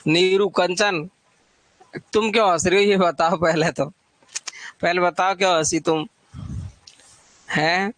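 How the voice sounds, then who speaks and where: A man's voice: high-pitched, fairly even intonation, slow pace, pauses often, fairly bright tone, no room sound. A man teaching a live online Hindi literature exam-prep class, chatty, repeating lists of titles and teasing students by name.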